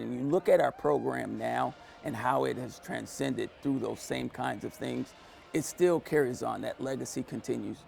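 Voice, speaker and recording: Gravelly-voiced former player recalling his coach. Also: medium pitch, a little mellow. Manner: earnest, reflective, many "you know" fillers. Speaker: former player, interview guest. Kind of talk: sit-down interview.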